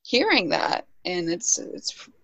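A woman's voice: lowish voice, very animated, takes it slowly, fairly bright tone, dry recording. A young woman in her twenties, a nurse guest, chatting candidly and rambling on a casual podcast, recorded with muffled, dry sound. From New Hampshire. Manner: candid, rambling, self-deprecating.

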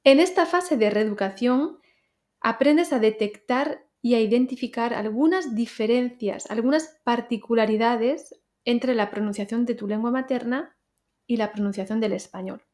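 A woman hosts a pronunciation lesson podcast, her voice sitting a little high. She teaches in a clear, deliberate way, addressing the listener directly. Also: darkish tone.

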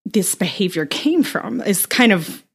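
A woman in her forties co-hosting a podcast, talking in a relaxed, chatty way. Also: mid-range voice, a little slow, gravelly, husky. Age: 40s. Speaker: podcast co-host. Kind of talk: casual chat.

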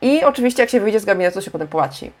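A woman's voice: medium pitch, expressive, very fast. A woman co-hosting a podcast, chatting casually and thinking aloud with fillers. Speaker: podcast co-host.

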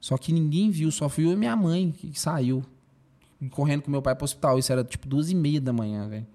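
Fast-talking young man. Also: on the high side. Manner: emotional, animated retelling, peppered with slang fillers. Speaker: podcast guest. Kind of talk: casual podcast storytelling.

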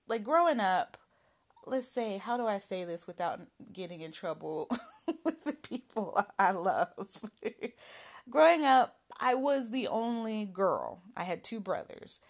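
A young woman talking candidly to camera in a personal monologue, frank and animated, laughing often and swearing freely. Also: mid-range voice.

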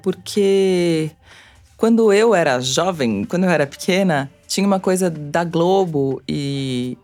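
Low-voiced woman in casual conversation. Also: expressive, measured pace, a little mellow, soft background music. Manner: informal, self-deprecating, uses playful mimicked quotes. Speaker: radio presenter, interview guest. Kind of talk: casual chat.

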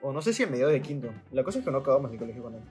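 A man's voice: mid-range voice, big pitch swings, racing, darkish tone, soft background music. A young man chatting casually with friends, laughing often and retelling stories. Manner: laughs often, tells stories with acted quotes. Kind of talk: casual chat.

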